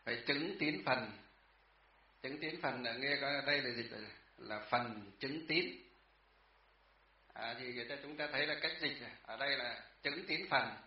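A man's voice: mid-range voice, normal speed. A man teaching a class about Chinese characters, patient and repetitive, often asking the class questions. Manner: patient, repeats words, asks the class questions. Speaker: Buddhist teacher. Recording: echoey, distant, dull room sound.

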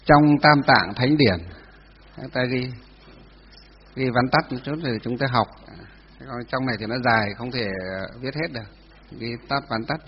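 Male Buddhist teacher, husky, dictates and repeats phrases for notes, quizzes students; muffled lo-fi take. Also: medium pitch, fairly even intonation. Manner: dictates slowly, repeating each phrase for note-taking; asks students rhetorical questions. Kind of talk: dictated classroom lesson. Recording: dull lo-fi sound with long hall reverb.

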